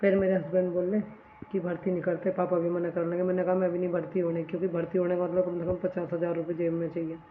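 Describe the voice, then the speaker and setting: A woman's voice: fairly low pitch, fast talker, a little hiss or hum. A young village woman tells her story to the camera in a casual vlog. Her voice stays level and runs over the same points again and again. The sound comes through a tinny, phone-like channel in an echoey room at home. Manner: repetitive, earnest retelling in a flat, steady tone. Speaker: village vlogger.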